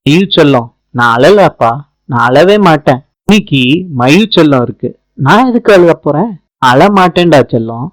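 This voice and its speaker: A man's voice: on the high side, lively intonation, normal speed, dry recording, close to an everyday voice, rough recording. A man reading the lines of a hurt young wife who sounds subdued and resigned. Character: hurt young wife holding back tears.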